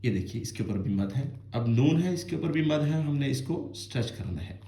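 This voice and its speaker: A man's voice: mid-range voice, animated, warm tone, roomy sound. A man teaching children Quran reading, patiently explaining and stretching out each letter sound in melodic recitation. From Azad Kashmir, Pakistan.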